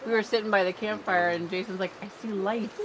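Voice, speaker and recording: A woman's voice: mid-range voice, fairly even intonation, brisk, crowd noise. A woman co-hosting a camping vlog, talking in a friendly, chatty way. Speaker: vlog co-host. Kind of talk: casual vlog chat. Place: outdoor campsite. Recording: noisy outdoor camera audio.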